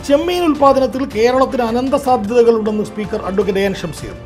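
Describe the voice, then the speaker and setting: A man reading the news in a formal, steady way. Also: extremely high pitch, fast talker, music in the background. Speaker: news presenter.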